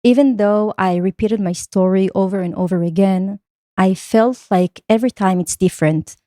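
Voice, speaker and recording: A woman's voice: medium pitch, moderate pace, warm tone, dry recording, studio quality. Earnest woman reflecting aloud. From Israel. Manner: earnest, reflective, speaks in long flowing thoughts. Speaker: guest. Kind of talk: conversational podcast interview.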